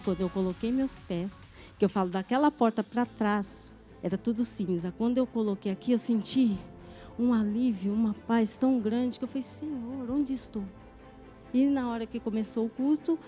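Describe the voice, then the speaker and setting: Middle-aged woman, earnest testimony, mellow tone, faint music underneath. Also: mid-range voice. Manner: earnest storyteller acting out quoted speech. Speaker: church member giving testimony. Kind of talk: emotional testimony.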